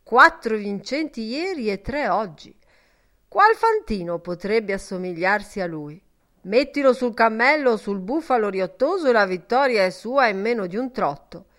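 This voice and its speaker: A woman's voice: on the high side, sing-song, normal speed, a bit bright. A woman reading the part of a jovial male gambler in an audiobook, hearty and exclamatory.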